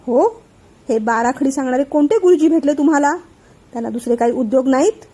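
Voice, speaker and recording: An irritated young man snaps back at his meddling family, as a woman storyteller reads his lines. The voice stays high and mellow, curt and exasperated, in a read-aloud family story. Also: fairly quick, lightly acted.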